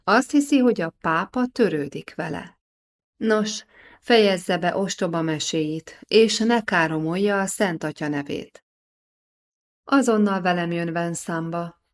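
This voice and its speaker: A woman's voice: fairly low pitch, lightly acted. A woman reading an audiobook, voicing a bossy, scornful middle-aged noblewoman who talks down to a young mother. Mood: scolding. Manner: scolding, haughty.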